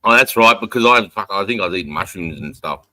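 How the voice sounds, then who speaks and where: A man's voice: fairly low pitch, expressive, quick pace, sharp tone, dry recording. An Australian man hosting a livestream, chatting and telling stories casually in a blokey way with plenty of swearing. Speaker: livestream host. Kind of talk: casual livestream chat and storytelling.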